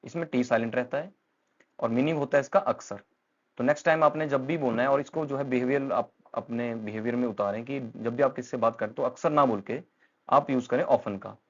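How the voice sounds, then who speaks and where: A man's voice: medium pitch, fairly quick, dull audio. A man with an Indian accent teaching English pronunciation, talking patiently and repeating words with frequent fillers. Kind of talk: explanatory lesson in Hindi mixed with English.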